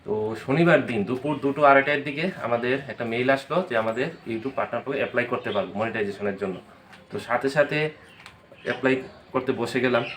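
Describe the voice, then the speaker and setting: A man's voice: medium pitch, fast talker, fairly bright tone, a little hiss or hum. A man from Tripura in India, chatting casually in a vlog and telling stories about the people who helped him. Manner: chatty, storytelling, thanks supporters by name. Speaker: vlogger.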